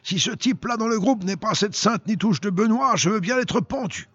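A man voicing a cheerful, brash Parisian army corporal who exclaims loudly. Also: a little high, huge pitch swings, extremely slow, vocal fry, husky, dry recording, highs cut off, pitched above the performer's own voice, full character voice. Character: jolly joking male Parisian army corporal.

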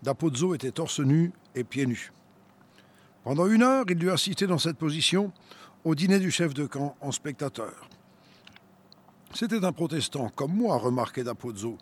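A man preaching and reading a testimony aloud with earnest, dramatic storytelling. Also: fairly high pitch.

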